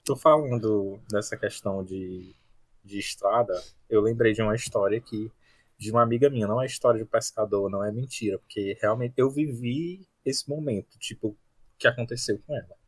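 A man on a podcast telling a story in a lively, anecdotal way during a casual chat. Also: fairly low pitch, brisk, breathy edge, dry recording. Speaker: podcast co-host.

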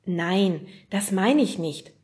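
A woman's voice: medium pitch, lively intonation, takes it slowly, darkish tone. A woman voicing a level-headed young boy who talks in a dry, earnest way.

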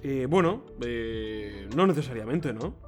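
A man with a Spain Spanish accent co-hosts a podcast in easy, joking chat. His pitch jumps around a lot as he plays up his stories. Faint music sits under his voice. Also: unhurried. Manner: jokey, animated, slips into mock voices. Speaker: podcast co-host. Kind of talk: casual chat.

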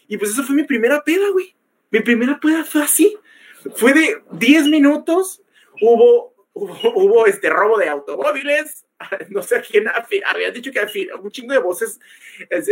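A young podcast co-host with a Mexican accent tells a story in casual, slangy chat, acting out quotes and dropping "güey" throughout. His voice is high-pitched and fairly bright, with vocal fry.

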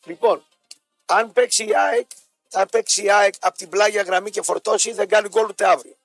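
A man's voice: high voice, fairly even intonation, creaky, fairly bright tone, no room sound, faint music behind. A Greek man co-hosting a casual football talk show. He speaks bluntly and emphatically, argues his picks hard and throws in crude jokes. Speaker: football pundit co-host.

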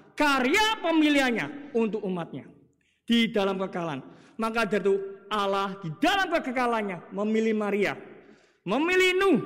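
Male preacher, very high and animated, rhetorical questions, recorded in a reverberant church hall. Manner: rhetorical questions, swings from loud to hushed; acts out quoted voices in his stories. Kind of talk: sermon.

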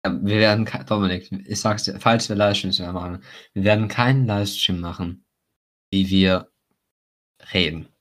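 A young man with a raspy, smoker-like voice, bantering casually as a podcast co-host and slipping English slang into his talk. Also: low voice, fairly even intonation, moderate pace, fairly bright tone. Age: teenager or young adult.

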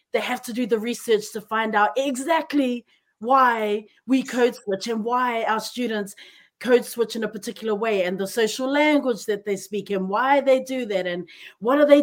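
Higher-voiced woman. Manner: effusive, affirming. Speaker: podcast host. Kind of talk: casual interview chat.

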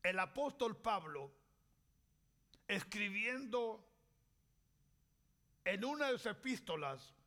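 A man preaching a sermon in a slow, deliberate way, pausing often and asking rhetorical questions. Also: high voice, big pitch swings, pushed and bright.

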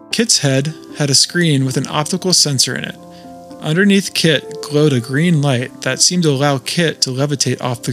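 A man narrating a children's adventure story in a steady, scripted way. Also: mid-range voice. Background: music.

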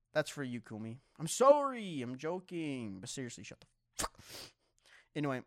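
A man's voice: mid-range voice, moderate pace, no room sound, studio quality. A young man streamer chatting casually to viewers, rambling and swearing, often stumbling over his words. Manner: rambling, profane, stammering restarts.

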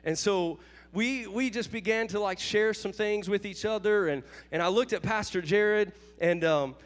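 A man's voice: high-pitched, normal speed, in a large hall. A man pastor preaching a revival sermon in a church sanctuary, fervent, calling out to his congregation for amens. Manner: fervent preaching with call-and-response.

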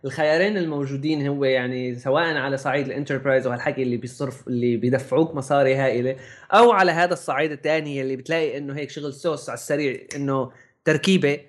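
A man's voice: mid-range voice, very fast. A man with a Levantine Arabic accent in a casual tech discussion, often restarting and repeating words as he goes.

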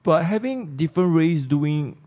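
A Malaysian man hosting a podcast, thinking aloud in a relaxed discussion and often repeating words as he works out his point. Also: a little high, normal speed. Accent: Malaysian English. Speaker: podcast host. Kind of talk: casual discussion.

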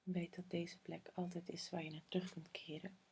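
Woman doing guided meditation, soft whispery spa voice, super breathy, barely moves in pitch, slow w long pauses. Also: level tone.

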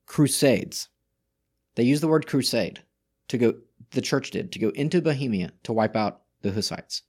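A man's voice: medium pitch, expressive, moderate pace, a little mellow. A man co-hosting a podcast, reading historical passages aloud and discussing them casually, often restarting his sentences. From Czech Republic. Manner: reads from sources with frequent restarts. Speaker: podcast co-host.

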